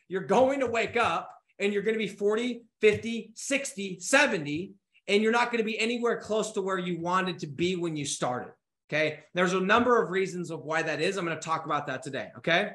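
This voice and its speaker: A man in his thirties giving an energetic, urgent motivational talk to camera from a home office, swearing casually and gesturing as he speaks. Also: high voice, roomy sound. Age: 30s. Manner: gestures a lot with his hands while talking. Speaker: business coach.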